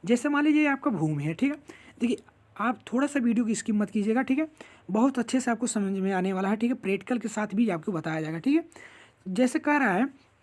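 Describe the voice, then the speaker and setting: A man's voice: extremely high pitch, expressive, fairly quick. A man teaching an online classroom lecture, explaining step by step and checking in with "ठीक है" after almost every point.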